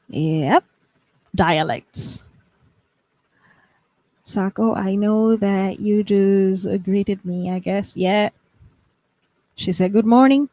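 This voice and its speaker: Her mid-range voice has a darkish tone, and the recording carries no echo. She's a young American woman running a live stream, casually chatting, reading out viewers' comments, frequently laughing and starting sentences over.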